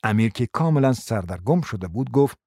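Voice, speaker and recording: A man reads the narration of a radio play in an even, storytelling way. His tone is warm and mellow at a middle pitch. The studio sound is dry and close. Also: no room sound. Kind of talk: scripted narration.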